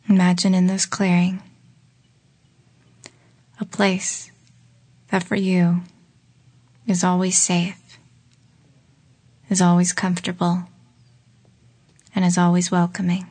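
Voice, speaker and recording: A woman leading a guided relaxation exercise in a slow, soft voice that often drops into a whisper. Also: lowish voice, monotone. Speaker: meditation guide.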